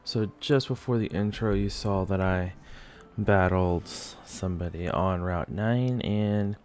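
A man's voice: low-pitched, takes it slowly, a little mellow. A man giving casual Let's Play commentary as a gaming YouTuber, chatting to the game and its creatures as he plays. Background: faint game music.

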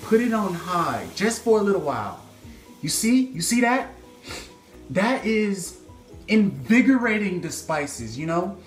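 This young man's high, sing-song voice comes at a measured pace, with soft music in the background. He is hosting a tongue-in-cheek cooking video at home, acting the expert and bantering with viewers around the stove. The phone on its stand sits several feet away, and the kitchen echoes.

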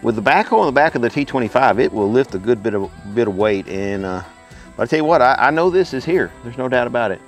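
Working a sawmill outdoors, a middle-aged homestead vlogger talks casually, rambling and poking fun at himself with frequent restarts. His voice is mid-range, animated, and fast, with soft music playing in the background.

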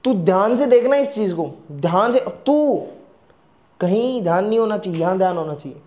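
Male biology teacher, teasing exam-prep lecturer, warm dark tone, mix. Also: high-pitched, expressive, moderate pace. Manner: teasing, answers his own questions in a student voice.

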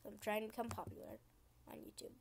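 A woman's voice: mid-range voice, completely flat delivery, fast talker, a little hiss or hum. A young woman YouTuber talking casually while playing a computer game, chatty and easily frustrated. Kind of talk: gaming commentary.

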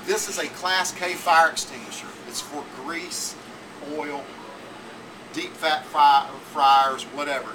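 A man in his forties teaching a school cooking class, rambling and repeating himself, often checking in with "okay?", in a teaching kitchen. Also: a little high. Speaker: culinary teacher. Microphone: camera mic from a few feet away. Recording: distant camera audio with air-conditioning hum.

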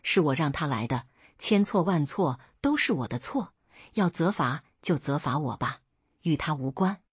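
A woman's voice: deep voice, lively intonation, normal speed, husky, no echo, full character voice. A woman voicing a young wife in a storybook tale, speaking indignantly. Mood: pleading. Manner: indignant, then pleading. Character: young wife sold as concubine, defiant. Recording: dull lo-fi dry recording.

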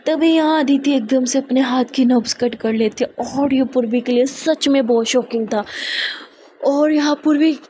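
Woman storyteller, high-pitched, conversational, emotive narration. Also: steady tone, normal speed, few pauses, mellow, slight background noise.

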